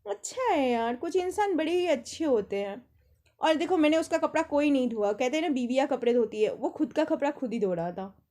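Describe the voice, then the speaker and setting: A young woman with a high voice tells rambling personal stories in an easy, conversational way. She slips into quick impressions of the people she talks about. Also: animated, dark tone. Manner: chatty, rambling anecdotes with mimicked quotes. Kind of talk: casual storytelling monologue.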